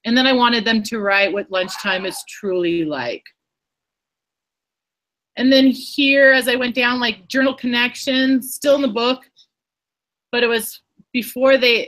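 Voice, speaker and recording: Chatty bright-voiced woman teacher. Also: a little high. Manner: rambling, self-correcting, chatty. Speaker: teacher presenting her lesson. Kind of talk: casual explanation in an online workshop.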